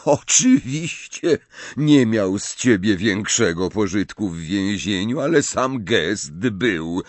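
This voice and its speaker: Male reader as sardonic wizard, unhurried, measured, icy; audiobook. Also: on the low side, dry recording. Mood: cold measured. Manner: calm, bored, measured. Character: cold sardonic male wizard, middle-aged, controlled.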